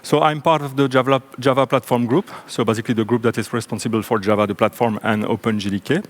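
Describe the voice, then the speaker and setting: A man with a French accent from Belgium speaks at an ordinary, middling pitch as he presents a technical talk on a conference stage. He talks in a loose, good-humoured way, dropping in little jokes and plenty of ums and self-corrections. He sounds like a stage microphone in a big conference room. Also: quick pace. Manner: relaxed, joking, with frequent ums and restarts.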